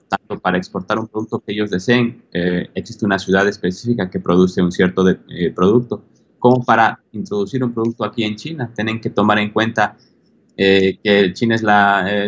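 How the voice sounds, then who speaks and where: Male consultant from Ecuador, lower voice, halting delivery, lo-fi audio. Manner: hesitant, many fillers and restarts. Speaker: business consultant. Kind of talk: interview answers.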